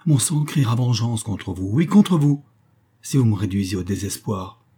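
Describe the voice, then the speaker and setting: A man's voice: on the low side, expressive, normal speed, warm tone, slightly rough. A man voicing a proud, desperate male butler who pleads with a trembling voice in an audiobook reading. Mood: desperate pleading.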